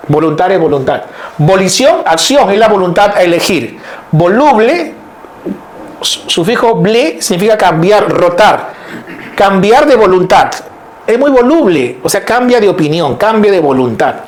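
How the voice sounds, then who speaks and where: High-voiced male teacher, lively lecture. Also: measured pace. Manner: lively, explains step by step, keeps checking in with listeners. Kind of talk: classroom lecture on word roots.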